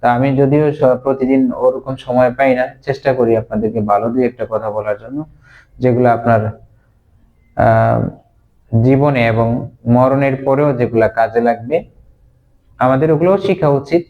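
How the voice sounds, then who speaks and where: A man teaching a language class casually, repeating words slowly as he drills them. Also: medium pitch, lo-fi sound. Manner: slow and repetitive, drilling words.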